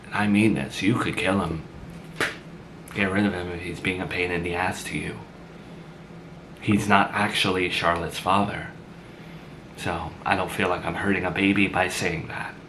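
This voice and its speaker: Over a noisy background, a man with a deep voice plays a blunt, sarcastic grown woman in an amateur drama. His character is a mother who had her child as a teenager.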